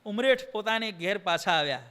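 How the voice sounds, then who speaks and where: A man's voice: sits high, lively intonation, fairly quick, bright, forceful tone, clean tone. A man with a Gujarati accent preaching a devotional sermon, telling a story and acting out its dialogue with shifting voices. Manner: acts out dialogue, shifting voices between characters. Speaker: swami preacher.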